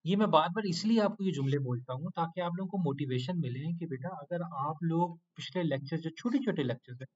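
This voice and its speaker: A man's voice: on the high side, a little fast, few pauses, breathy edge, lo-fi sound. Male teacher coaxing students through quizzes. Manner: playful scolding, pleads for homework. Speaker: Quranic Arabic teacher. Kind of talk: online class teaching.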